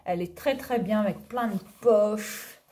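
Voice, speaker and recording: A woman's voice: mid-range voice, a little slow, mellow, slight background noise. A woman vlogging at home, chatting casually to her viewers about her outfit, talking to them as "les filles" with lots of fillers and laughs. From Réunion. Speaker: fashion vlogger. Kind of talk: casual haul video chat.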